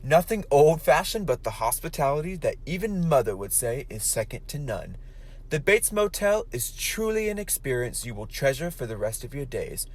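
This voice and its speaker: A man's voice: medium pitch, sing-song, normal speed. A man playing a genial, polished announcer in a 1940s-style radio play, reading the breaks and an advert in a salesy way.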